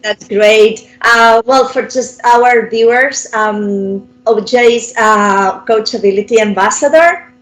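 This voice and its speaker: Woman hosting an interview over video call, chatty, higher voice, roomy echo. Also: takes it slowly. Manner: friendly, chatty, with fillers. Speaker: interview host.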